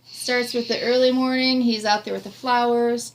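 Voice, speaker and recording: A woman in her thirties reads aloud from a picture book to a child, encouraging them and chatting through explanations and questions. Her voice is on the high side, with fairly even intonation and a normal speed. It was recorded noisily at home in a small room with audible ambience.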